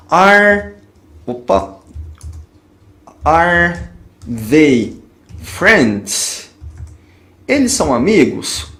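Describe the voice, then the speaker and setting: Lively, high-voiced man teaching a lesson. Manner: explains patiently, often asking the viewer "tá?" and "ok?"; slows down sharply on English example phrases. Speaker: English teacher. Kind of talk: classroom lesson at a whiteboard. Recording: echoey room.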